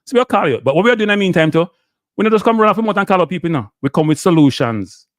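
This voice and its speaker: A man's voice: high voice, animated, racing, no echo, clean studio sound. A middle-aged man with a Jamaican accent hosting a live stream, lecturing viewers and answering chat, slipping in and out of patois. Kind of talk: ranting live stream commentary.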